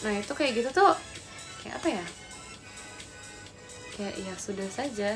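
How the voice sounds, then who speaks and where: A woman's voice: mid-range voice, expressive, moderate pace, over music. A young woman chatting casually to her viewers on a livestream, rambling and talking to them directly. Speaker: idol livestreamer.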